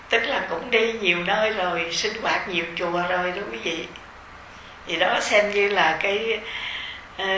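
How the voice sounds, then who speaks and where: A middle-aged woman with a Southern Vietnamese accent, a meditation teacher giving an informal dharma talk to retreat participants in a gentle, conversational way with soft fillers. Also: medium pitch, echoey room, a little hiss or hum, low-quality recording.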